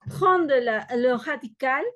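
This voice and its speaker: Slow, high-voiced woman teaching French. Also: lively intonation, a bit bright. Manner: slow, explains step by step, switches between French and Spanish. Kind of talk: online class lecture.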